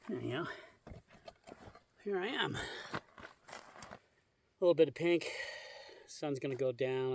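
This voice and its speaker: A man's voice: medium pitch, a little mellow, distant mic, slight background noise. A man casually vlogging from a clifftop campsite outdoors, rambling with lots of fillers. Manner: rambling, easygoing, many fillers. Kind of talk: casual camping vlog.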